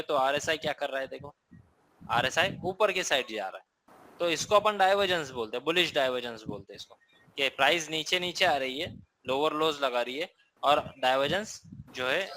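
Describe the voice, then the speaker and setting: A man's voice: medium pitch, pushed and bright, poor audio. A man with an Indian accent teaching a live trading class, explaining casually and often checking in with listeners.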